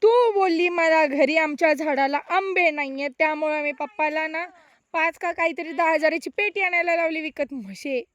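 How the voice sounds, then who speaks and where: A woman's voice: high-pitched, normal speed, a bit bright, no room sound, dull audio. A young woman with a Marathi accent, vlogging outdoors on a mango farm, teasing playfully and mixing Hindi and English. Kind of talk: casual vlog chat.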